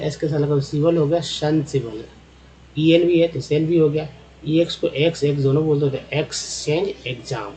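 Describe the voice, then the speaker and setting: A man's voice: on the high side, dark tone, highs cut off. A man teaches English spelling and pronunciation from slides, drilling each sound several times and calling his viewers friends.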